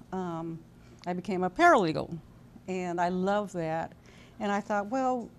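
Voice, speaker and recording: Her pitch is fairly low, and slight background noise can be heard. She's a Californian woman in her sixties with an American accent, a guest at a desk in a TV studio, recalling the past casually and hesitantly while wearing a lapel mic.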